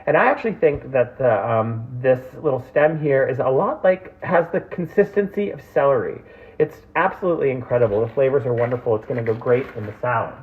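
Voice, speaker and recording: A man's voice: mid-range voice, a little fast. Chatty man cooking, tinny audio. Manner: chatty and gushing, with frequent ums. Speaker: home cooking host. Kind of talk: casual cooking demonstration. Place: home kitchen.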